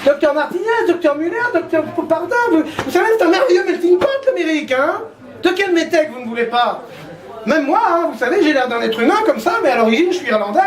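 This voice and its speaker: Speaking quickly in an extremely high pitch, a man does a stand-up sketch as a pompous TV doctor, adding theatrical asides. The live stage show is recorded in an echoey hall, with crowd noise and laughter throughout.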